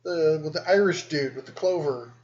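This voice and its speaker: A man's voice: a little high, normal speed, a little mellow, dull audio. A man hosting a casual live stream, reading and answering viewer comments in a rambling, easygoing way. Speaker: host.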